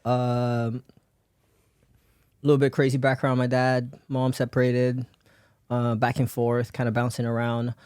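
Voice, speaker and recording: A man's voice: medium pitch, completely flat delivery, measured pace, long pauses, a little mellow, clear, resonant tone, no echo, clean studio sound. A man raised in Belgium, a podcast guest telling his life story in casual rambling talk with many fillers and frequent laughs.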